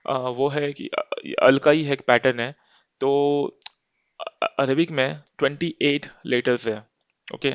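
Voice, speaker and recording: A man's voice: medium pitch, clear, resonant tone, no room sound, lo-fi sound. A man teaching an Arabic lesson step by step, patient and often checking in with his listeners.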